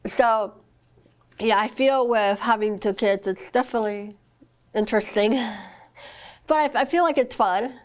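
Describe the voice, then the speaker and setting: With a fairly high pitch, this young woman speaks unhurriedly and pauses often. She's a podcast interview guest and the mother of a child with a rare condition, talking earnestly and full of "I mean" and "you know." She is recovering from an illness and coughs from time to time.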